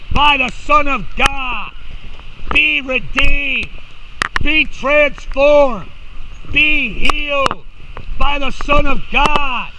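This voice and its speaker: A man preaching in the open air, slow and emphatic, repeating his phrases, recorded on a body camera in the rain. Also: extremely high pitch. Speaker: street preacher. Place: outdoors at a gas station in heavy rain. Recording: outdoor camera mic with wind and rain noise.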